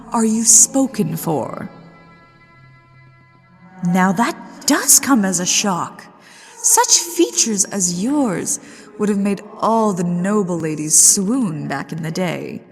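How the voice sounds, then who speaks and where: In long, ghostly reverb over music, a woman acts out the genteel lady ghost of a haunted manor for an ASMR roleplay. She is coy and flirtatious, drawing out her words slowly with aristocratic mischief. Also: medium pitch. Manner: coy, aristocratic, teasing, slow and deliberate.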